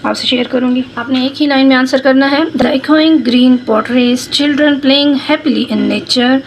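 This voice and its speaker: A woman English teacher, dictating answers slowly and explaining them quickly. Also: sits high, steady tone, a little hiss or hum, rough recording. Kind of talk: classroom lesson, reading slowly in English and explaining fast in Hindi.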